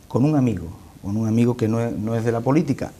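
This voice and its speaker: A man's voice: mid-range voice, quick pace, dark tone. A man with an Andalusian Spanish accent, a politician giving answers in a political interview. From Andalusia, Spain. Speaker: politician, former or current mayor being interviewed.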